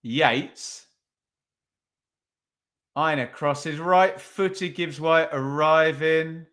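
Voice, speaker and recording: A man's voice: a little high, fairly even intonation, very slow, a bit bright. A man hosting a podcast, giving casual live watch-along commentary on a football match, chatty and thinking aloud with tag questions. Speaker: podcast host.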